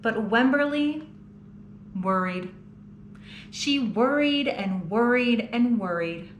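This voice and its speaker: A woman reads a children's picture book aloud, expressively, pausing to ask the young listeners questions. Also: fairly high pitch, lively intonation, highs cut off. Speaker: children's storytime reader. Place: children's museum. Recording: roomy echo, faint background noise.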